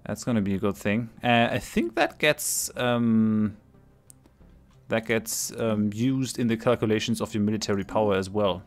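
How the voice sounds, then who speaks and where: A man with a cold and a low-ish voice narrates his strategy game at a moderate pace over soft background music. He's a let's play host giving casual gameplay commentary, thinking aloud with frequent ums and restarts and laughing readily between remarks.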